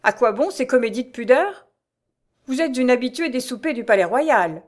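A woman's voice: fairly high pitch, animated, normal speed, voice pushed up, lightly acted. A woman reading as a curt, jaded old-time policeman. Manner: dry, curt.

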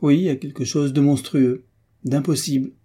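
A bold young soldier, read by a man in a storybook, lively and teasing. He is resolute and playful, with a dark, mellow, husky sound. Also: mid-range voice, normal speed, natural voice. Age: young adult.

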